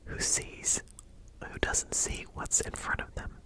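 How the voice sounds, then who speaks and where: Speaking in a gentle whisper, this ASMR host talks in an unhurried, halting way, like she's chatting informally with viewers.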